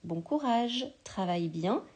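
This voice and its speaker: Woman, teacher, slow unhurried pace, patient, careful syllable-by-syllable spelling lesson. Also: medium pitch, animated, darkish tone.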